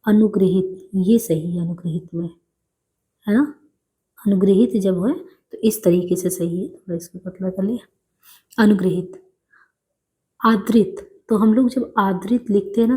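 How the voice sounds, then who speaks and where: A woman teacher walks students through correct spelling, saying each word twice and pausing to check they follow. Her voice is mellow and soft-edged, and her pitch sits in an ordinary middle range. She sounds patient and steady. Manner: patient, repeats each word slowly, frequent "है ना". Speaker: Hindi teacher. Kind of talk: exam-prep spelling lesson.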